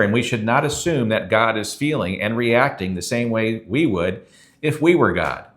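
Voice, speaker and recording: Earnest low-voiced male pastor. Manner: conversational, earnest, reads scripture aloud. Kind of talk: recorded sermon teaching.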